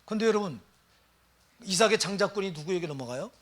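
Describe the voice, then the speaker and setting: A man's voice: high-pitched, expressive, a little fast. A middle-aged man preaching a fervent sermon as a pastor in a church, with calls of amen and hallelujah. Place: church sanctuary.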